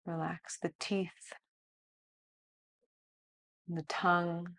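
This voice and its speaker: A woman yoga teacher leading a guided yoga nidra relaxation like a sleep story narrator, soothing and hushed, with long pauses. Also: lowish voice, level tone.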